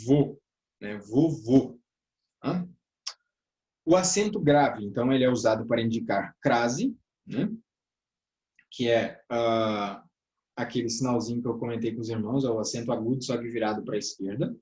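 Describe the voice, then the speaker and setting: A man's voice: medium pitch, normal speed, a little mellow, muffled recording. Man teaching grammar in an echoey room. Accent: southern Brazilian Portuguese. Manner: explains step by step, often ending phrases with "tá?" and "né?"; addresses listeners as "irmãos". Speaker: teacher of a church workers' course. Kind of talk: classroom grammar lesson.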